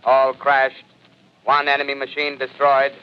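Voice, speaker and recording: Monotone military radio operator acted. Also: male voice, mid-range voice, measured pace, slight background noise, close to an everyday voice. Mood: formal, controlled. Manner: formal, flat radio-call delivery. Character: military radio operator, formal and level-headed. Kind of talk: 1930s radio drama acting. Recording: dull 1930s radio broadcast recording.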